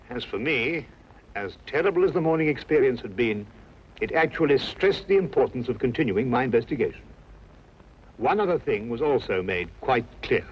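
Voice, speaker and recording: A man's voice: medium pitch, breathy edge. An actor playing an earnest, loyal male doctor companion, stammering and hesitant in scenes and narrating in voice-over. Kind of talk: TV drama acting with voice-over narration. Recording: dull lo-fi TV soundtrack.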